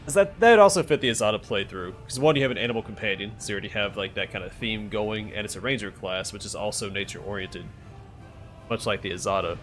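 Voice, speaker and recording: Male game streamer, low pitch, casual chatty commentary, light music behind. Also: quick pace, a bit bright. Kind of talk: casual gameplay commentary, answering chat.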